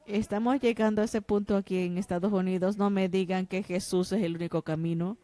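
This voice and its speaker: A woman's voice: medium pitch, fairly even intonation, fairly quick, dark tone. A woman interpreting a pastor's sermon, preaching with passionate emphasis. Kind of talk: dubbed sermon.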